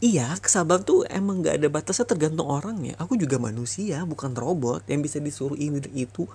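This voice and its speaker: A man's voice: a little high, fast talker, a little mellow, slightly rough. A young man voicing a bitter boyfriend in an ASMR boyfriend role-play, scolding his toxic ex over and over in a heated voice. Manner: heated, reproachful, repetitive scolding.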